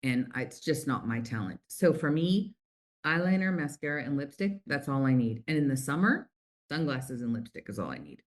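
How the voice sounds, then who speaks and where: A woman's voice: very deep voice, sing-song, moderate pace. A middle-aged woman from the United States, a company founder, telling stories chattily with lots of fillers in an interview. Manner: chatty, warm storytelling with many fillers. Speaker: guest, lip color company founder. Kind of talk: casual interview conversation.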